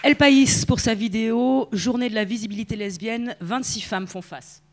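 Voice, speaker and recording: A woman's voice: fairly high pitch, normal speed, a little hiss or hum. A woman hosting an award ceremony, announcing nominees and winners. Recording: music and crowd behind voice.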